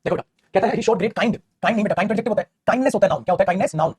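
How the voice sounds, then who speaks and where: A man teaching an English grammar class in rapid Hindi mixed with English, calling his students "beta" as he corrects their answers. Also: high voice, husky. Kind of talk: online coaching lesson.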